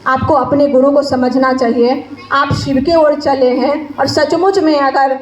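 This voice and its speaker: A woman with a strikingly high voice preaches an impassioned devotional sermon. She scolds her listeners and keeps firing rhetorical questions at them. Her words ring through an echoey room. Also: steady tone, unhurried. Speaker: spiritual speaker. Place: stage before a gathering.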